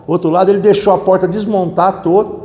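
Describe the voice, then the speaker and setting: A middle-aged man, preaching to couples in a lively, humorous way and questioning the audience. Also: high-pitched, fast. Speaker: pastor. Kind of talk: sermon at a couples' retreat. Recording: echoey hall.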